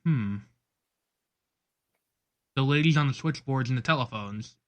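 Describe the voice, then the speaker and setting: A man's voice: mid-range voice, unhurried. A man co-hosting a casual movie podcast, rambling with many ums and getting exasperated. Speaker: podcast co-host. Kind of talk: casual chat.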